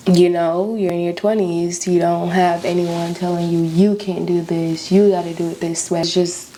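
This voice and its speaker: Young american girl chatting on a vlog, lowish voice, slight lisp, noisy background. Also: darkish tone. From Florida, United States. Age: early 20s. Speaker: YouTuber, beauty vlogger. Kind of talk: casual chatty vlog while doing makeup.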